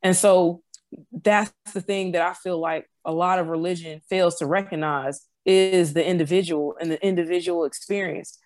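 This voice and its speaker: A woman's voice: mid-range voice, dry recording. A woman in casual conversation, explaining her views earnestly and often stopping to restart a phrase.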